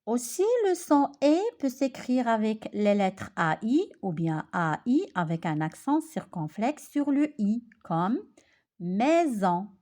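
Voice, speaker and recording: Slow, lively woman teaching pronunciation. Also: on the high side. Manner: clear, deliberate word-by-word pronunciation, repeating words. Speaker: French teacher. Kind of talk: slow spoken language lesson.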